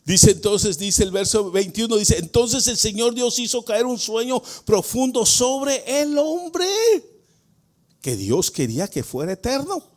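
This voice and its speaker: A man preaching as pastor of a church, putting questions to the congregation and swinging between quiet explanation and shouted emphasis. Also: very high voice, sing-song, takes it slowly. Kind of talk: Spanish-language sermon. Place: church sanctuary.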